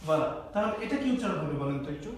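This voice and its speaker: High-voiced man teaching in an echoey room. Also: expressive, racing. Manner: asks questions and answers them himself. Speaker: French language teacher. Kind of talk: live online lesson. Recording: echoey, distant, faint noise.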